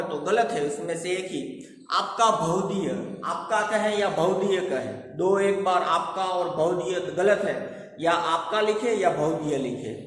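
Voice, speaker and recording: A man teaching a grammar lesson, explaining slowly and answering his own questions. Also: sits high, fairly bright tone, slight background noise. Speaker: Hindi teacher. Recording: echoey room from far off.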